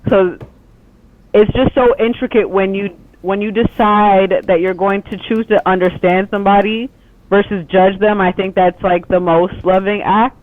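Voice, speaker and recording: A woman's voice: mid-range voice, steady tone, normal speed, no room sound. A woman from Ethiopia, a guest in casual conversation, rambling with lots of "like" and "you know" and casual swearing. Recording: tinny, dry phone-like line.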